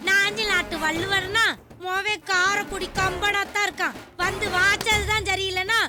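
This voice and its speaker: A woman's voice: very high voice, little pitch movement, normal speed. An actress playing a sarcastic, quarrelsome middle-aged mother in a television soap opera. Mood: mocking. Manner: mocking, quarrelsome. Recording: drama soundtrack with loud music.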